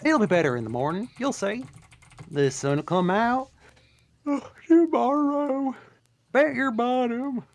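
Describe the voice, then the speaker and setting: A chatty, anxious donkey frets and jokes at full tilt, as a performer reads him at a table read. He talks fast and swings his voice up when he worries. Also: mid-range voice, animated. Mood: rambling. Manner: fast, fretful and jokey.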